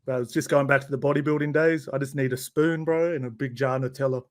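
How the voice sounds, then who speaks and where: A man with a broad New Zealand accent in a relaxed podcast conversation. He sits at a middling pitch and talks in loose, laid-back slang, tagging his phrases with "bro". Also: fast talker. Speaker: podcast guest. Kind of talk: casual chat.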